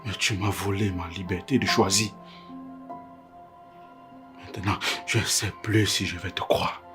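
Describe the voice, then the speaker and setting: A man's voice: low voice, fairly even intonation, a little slow, music in the background. A man with a Cameroonian French accent playing a hurt, angry young man who feels betrayed, in a web-series drama. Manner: wounded and accusing, bitter.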